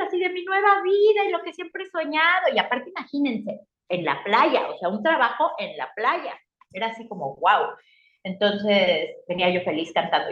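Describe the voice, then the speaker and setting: Animated Mexican woman telling her story. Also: on the high side. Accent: Mexican Spanish. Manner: animated, acts out her own past reactions. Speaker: guest. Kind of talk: casual storytelling interview. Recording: roomy, slightly dull sound.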